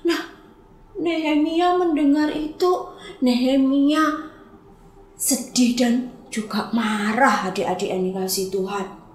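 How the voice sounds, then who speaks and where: A woman teaching Sunday school, telling a Bible story to children in a lively way and asking them questions. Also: high voice, takes it slowly, pauses often, reverberant.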